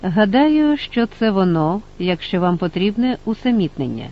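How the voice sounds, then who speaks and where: A man's voice: high voice, sing-song, moderate pace, muffled recording. A man voicing a dismissive writer who mumbles in a half-voice.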